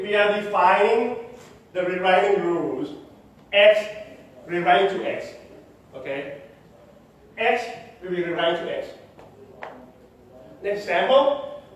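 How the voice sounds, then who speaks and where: A man with a high voice lectures at a tech conference, walking the audience through ideas one step at a time. He repeats key phrases and keeps checking in with "right?" and "okay?". His voice rings through a large, reverberant hall, picked up from a distance. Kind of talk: conference presentation. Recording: echoey hall, distant mic.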